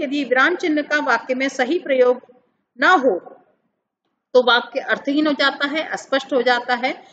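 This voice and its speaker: A woman teacher with a high voice talks her pupils through a classroom lesson and works through examples one at a time. The recording sounds dull and lo-fi, with faint noise underneath. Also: a bit bright. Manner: explains slowly with examples, addresses children directly.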